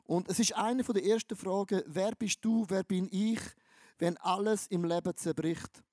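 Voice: medium pitch, moderate pace, warm tone, dry recording, clean studio sound. A preacher giving a sermon, talking emphatically with lots of slang and repeating phrases for effect. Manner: emphatic and repetitive, with slang-laden storytelling.

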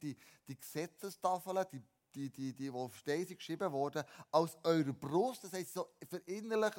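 A man preaches in a voice that sits a little high for a man. He moves between loud, emphatic lines and low, quiet ones. He often repeats words and restarts his phrases. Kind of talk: sermon.

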